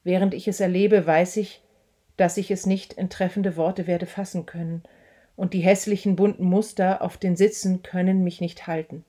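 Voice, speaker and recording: A woman's voice: lowish voice, steady tone, moderate pace, dark tone. A woman giving a tense, intense scripted reading of a first-person literary passage.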